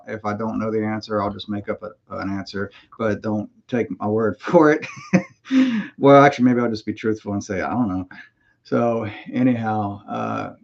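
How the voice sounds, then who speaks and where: A man's voice: lowish voice, vocal fry, lo-fi sound. Rambling folksy man on a livestream. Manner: rambling, folksy, many fillers and restarts. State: has the hiccups. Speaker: motorcycle vlogger. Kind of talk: casual livestream chat.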